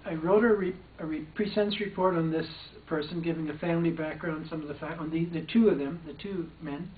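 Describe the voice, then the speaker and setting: With a voice on the high side, an older man who was once a probation officer talks fairly quickly through a personal story, hesitating and restarting often. The recording is distant, echoey, and phone-like, with a little hiss or hum.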